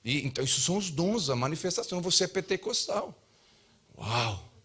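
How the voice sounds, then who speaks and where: Bright-voiced male preacher. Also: on the high side, fairly quick, husky. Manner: humorous, acts out dialogues; lively, emphatic preaching. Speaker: pastor. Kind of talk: sermon. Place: church.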